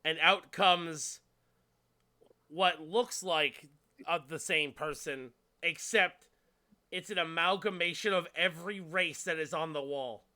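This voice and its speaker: A man's voice: on the high side, slow, pushed and bright. A man acting as game master, narrating a tabletop role-playing session in casual talk.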